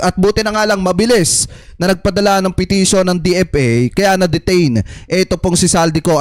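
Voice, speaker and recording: Lalaking Pilipinong komentarista, mataas ang boses. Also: male voice, fairly high pitch, no room sound, studio quality. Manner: earnest, repeatedly asks viewers for their view. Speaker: political commentary vlogger. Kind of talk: casual commentary addressing viewers.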